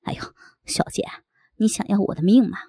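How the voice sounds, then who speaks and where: A woman voicing an eager adult man in an audio story, speaking in a husky, breathy half-whisper. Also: brisk, warm tone, no echo, natural voice. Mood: teasing. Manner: low murmured lines, teasing and pleading.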